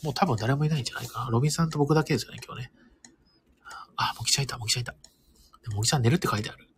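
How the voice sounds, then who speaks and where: Hoarse man chatting on a live stream. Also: mid-range voice, very fast, fairly bright tone, a little hiss or hum. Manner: rambling and chatty, many fillers, talks to himself. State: hoarse, losing his voice. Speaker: live audio stream host, board game venue owner. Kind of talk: casual live-stream chat, reading listener comments.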